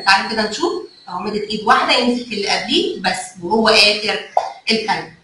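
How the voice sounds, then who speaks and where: This woman's voice runs fairly high, with a bright and forceful tone. She speaks with an Egyptian Arabic accent while leading kindergarteners through phonics, drawing out letter sounds and coaxingly posing questions she then answers herself. Picked up by a distant mic in a very echoey room, the recording carries faint noise.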